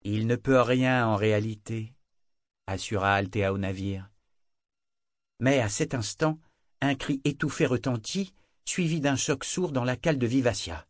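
A man reading a fantasy novel aloud as narrator, in an even, measured way. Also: medium pitch, no room sound, clean studio sound. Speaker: audiobook narrator.

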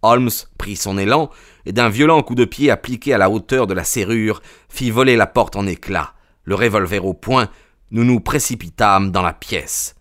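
A man giving measured audiobook narration of a classic novel. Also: on the low side, a bit bright, no echo, clean studio sound.

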